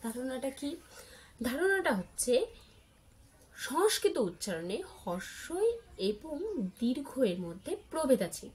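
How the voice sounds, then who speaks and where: A woman's voice: a little high, rough recording. A woman teaching children a grammar lesson, explaining step by step, asking her pupils questions and drawing out example words. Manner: drawn-out word examples.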